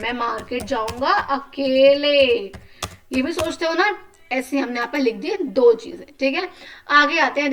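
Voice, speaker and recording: A woman's voice: high voice, fairly bright tone, recorded from a distance. A woman with an Indian accent teaching children a lesson, patient and often checking in with questions.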